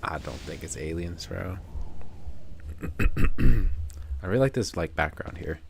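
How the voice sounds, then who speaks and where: Deep gravelly laid-back streamer man. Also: animated, slow pace, slight background noise. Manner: laid-back, joking, reads game text aloud. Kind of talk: casual gameplay commentary. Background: soft background music.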